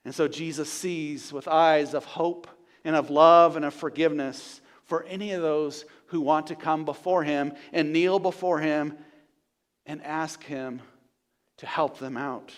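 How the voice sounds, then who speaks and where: High-voiced man preaching a sermon. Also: fairly even intonation. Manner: builds to loud repeated declarations, then drops to a hushed, slow delivery. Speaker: pastor. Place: church sanctuary.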